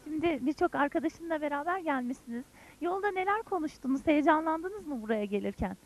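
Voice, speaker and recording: A woman hosts a field interview for broadcast. Her voice is high, and she moves briskly through her questions and introductions. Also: animated. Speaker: presenter interviewing guests.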